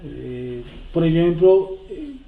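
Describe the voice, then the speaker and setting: In a fairly high, creaky, expressive voice, a man slowly leads his scripture class through the Torah, reading passages aloud and continually asking rhetorical questions. The sound is echoey and tinny, as if recorded on a phone.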